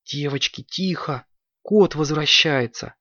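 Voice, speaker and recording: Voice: mid-range voice, takes it slowly, bright, forceful tone, no room sound, lo-fi sound, voice pushed up. A storyteller voicing a curious, practical young girl wizard.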